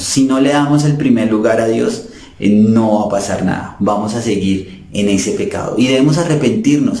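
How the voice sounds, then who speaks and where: A man's voice: fairly low pitch, warm tone. A man preaching a sermon in an earnest way, addressing his listeners as brothers and sisters. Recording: roomy echo.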